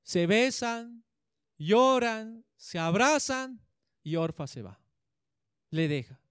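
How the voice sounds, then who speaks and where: A man preaches a sermon in a high, resonant voice. He retells scripture and turns to his listeners with questions. The sound is dry and close, with no room echo. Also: animated, takes it slowly, a bit bright, clear, resonant tone.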